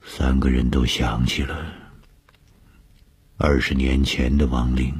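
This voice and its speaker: A man telling a suspense story for radio, slow and measured, often dropping to a hushed whisper. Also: flat delivery. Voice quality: very deep, husky.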